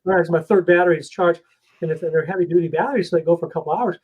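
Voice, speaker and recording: Animated storytelling man, fairly high voice. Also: rapid-fire, slight background noise, rough recording. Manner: animated, vivid storyteller acting out scenes. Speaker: guest paranormal investigator. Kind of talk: casual storytelling.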